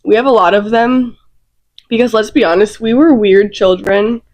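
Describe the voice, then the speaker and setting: A woman's voice: mid-range voice, normal speed, a little mellow. A woman in her early twenties co-hosting a podcast, chatty and giggly, with lots of "like" in her casual talk. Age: young adult, early 20s. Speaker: podcast co-host. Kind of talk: casual chat.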